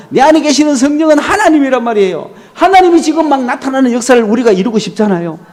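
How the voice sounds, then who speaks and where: Lively high-voiced pastor preaching. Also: male voice. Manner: animated storytelling, rhetorical questions to the congregation. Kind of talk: sermon.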